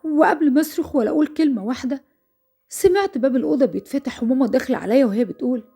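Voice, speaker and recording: A woman's voice: sits high, expressive, racing, vocal fry, dark tone, slightly rough. A young woman with an Egyptian Arabic accent narrating a first-person horror story, breathless and fearful.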